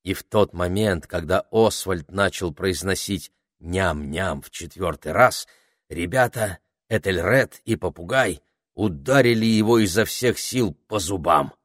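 Guy narrating a storybook, deep voice, dry close sound. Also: a little slow, no room sound. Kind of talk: audiobook narration.

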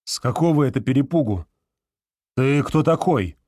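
A man voicing a hungover, cranky male professor who blusters and shouts indignantly, in an audiobook. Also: mid-range voice, expressive, normal speed, dry recording, clean studio sound, pitched above the performer's own voice, natural voice. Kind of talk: audiobook character voice.

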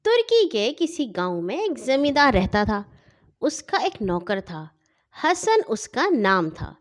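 A woman narrating a children's story in an expressive storytelling manner. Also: on the high side. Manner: expressive, sing-song storytelling.

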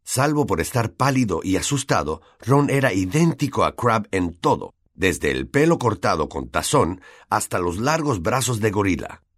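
A man with a Latin American accent, reading an audiobook as an expressive storyteller. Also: fairly low pitch, normal speed, dry recording, studio quality. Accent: Latin American Spanish. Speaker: audiobook narrator. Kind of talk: scripted narration.

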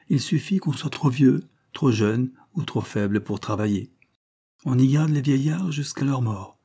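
A male narrator reading a classic novel in a measured, dramatic way. His voice is mellow and a little husky, with a steady mid-range pitch.

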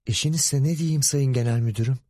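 A man's voice: medium pitch, brisk, warm tone, no echo, studio quality, voice pushed up, close to an everyday voice. A man voicing a timid, nervous young female secretary in an audiobook, flustered and eager to please. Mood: nervous deferential.

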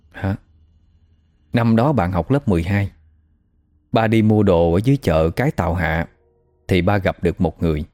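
A man's voice: lowish voice, warm tone. A man telling a first-hand story in a casual, conversational way.

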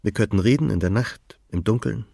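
A frank, gentle woman of seventy, voiced by a man reading an audiobook, speaking calmly and directly in a low voice lifted a little for her. The sound is close and dry. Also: brisk, gravelly, no echo. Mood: candid. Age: 70s. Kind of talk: audiobook dialogue.

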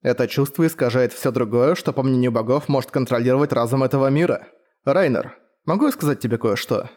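A man voicing a calm, mocking ghostly father in a fantasy audiobook, speaking softly and unhurriedly. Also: medium pitch, brisk, lightly acted.

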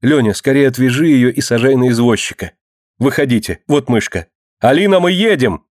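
A man's voice: mid-range voice, brisk, a little mellow, no echo, studio quality, pitched above the performer's own voice, close to an everyday voice. A man voicing an anxious, loving mother who talks nervously and pleads. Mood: hurried.

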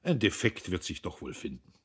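Brief: male reader as a sober, worldly salesman, cool and businesslike, husky low voice. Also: sing-song, moderate pace, heavily acted. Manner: cool and matter-of-fact.

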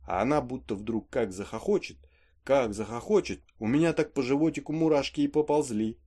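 A man with a mid-range, dark-toned natural voice reads a play aloud for an audiobook, animated and fairly quick. He plays a superstitious peasant servant, spinning a chatty, folksy tale packed with asides.

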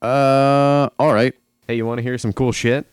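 A man's voice: mid-range voice, steady tone, moderate pace, clear, resonant tone, dry recording, clean studio sound. A young man streaming and chatting casually over voice chat, goofing around with effects on his voice. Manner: goofy, playing with voice effects. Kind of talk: casual voice chat while gaming.

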